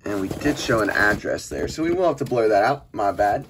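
Brisk and lowish with big swings in pitch, a young man chats informally while unboxing trading cards at a desk in a small room for his channel. Clicks and the crinkle and crumple of packaging fill the noisy recording.

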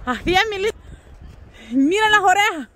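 A high, bright woman vlogs outside in the snow. Her voice leaps around as she cheers and laughs at her family, talking at an easy pace. Faint wind noise runs under her voice. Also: animated, normal speed. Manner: shouting encouragement, laughing, teasing. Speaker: vlogger. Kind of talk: casual outdoor vlog chatter. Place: outdoors in snow, windy.

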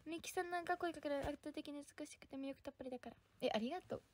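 A woman's voice: high-pitched, rapid-fire, slight background noise. A young woman chatting on a livestream as host, bubbly, thanking viewers and trying out English words. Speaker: livestream idol host reading viewer comments. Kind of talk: casual livestream chat.

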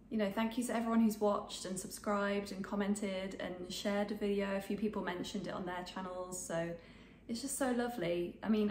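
Indoors in her home sewing room, a twenty-something sewing vlogger rambles casually to camera, full of ums and a little snuffly from a cold. The medium-pitched voice carries a roomy sound with a touch of hiss or hum.

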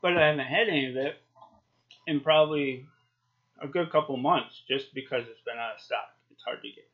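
Speaking at a moderate pace with medium pitch, this YouTuber in his forties chats casually through a product review with dip tucked in his lip. He's indoors in a small home office, and the lo-fi webcam sound is dull.

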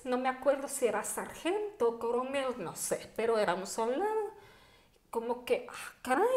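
High-voiced woman telling a story. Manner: animated, with many fillers and quoted asides. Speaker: podcast guest. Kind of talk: casual storytelling. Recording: echoey room.

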